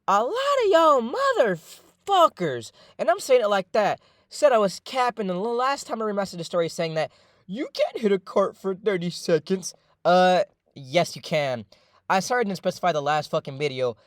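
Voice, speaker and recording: A man's voice: a little high, no room sound, studio quality. A young man casually telling a story about his job, rambling, slangy and profane, with lots of fillers. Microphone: voice-over.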